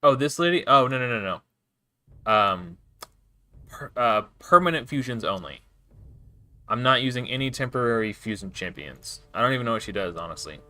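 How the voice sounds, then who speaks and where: A man's voice: medium pitch, animated, moderate pace, pauses often, sharp tone, no echo. A man streaming live and casually commenting on his gameplay, rambling with frequent restarts and self-corrections. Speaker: game streamer.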